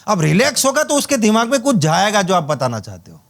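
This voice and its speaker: A man's voice: high voice, wildly swooping pitch, brisk, creaky. A man giving a motivational sales training talk, telling anecdotes and acting out dialogue with jokes. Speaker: network marketing trainer.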